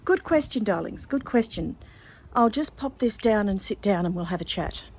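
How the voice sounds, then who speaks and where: A woman's voice: medium pitch, lively intonation, moderate pace, darkish tone, a little hiss or hum. An older woman with an Australian accent chatting casually and effusively to her vlog viewers. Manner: effusive, addresses listeners as darlings. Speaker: vlogger.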